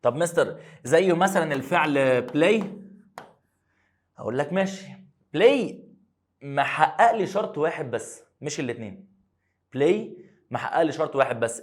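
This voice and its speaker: A man with an Egyptian Arabic accent teaching English grammar to high school students, asking questions and then answering them himself, and slowing down to spell out the English words. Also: expressive.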